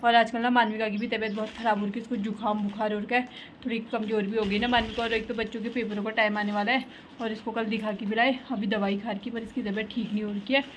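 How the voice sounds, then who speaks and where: A woman's voice: on the high side, level tone, fast, slight background noise, rough recording. A woman in her thirties with an Uttarakhandi Hindi accent, chatting casually through a family vlog and rambling with lots of filler. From Uttarakhand, India. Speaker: family vlogger. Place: outdoors in traffic and at home.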